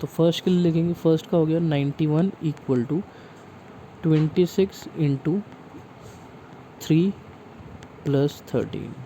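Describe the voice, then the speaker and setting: A man's voice: fairly high pitch, fairly even intonation, slow pace, long pauses, dark tone, slight background noise, poor audio. A man teaching a math lesson, explaining step by step and checking in often with the class.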